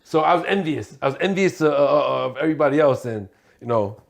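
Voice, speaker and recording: A man's voice: on the high side, lively intonation, quick pace, creaky. A man, a guest talking casually in an interview in a streetwise way, often laughing. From Hong Kong. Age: 40s. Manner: streetwise, laughs while telling stories.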